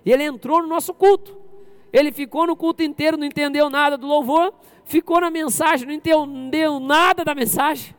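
High-voiced, fast-talking Brazilian pastor preaching. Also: male voice. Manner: animated preaching, addresses congregation directly. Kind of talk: sermon. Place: church service.

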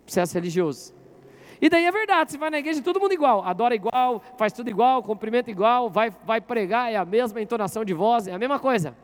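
A male pastor with a very high-pitched voice delivers a sermon in church. He talks with the crowd, asking questions and telling them to turn to the person beside them. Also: expressive, fast. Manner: interactive, asks the congregation questions.

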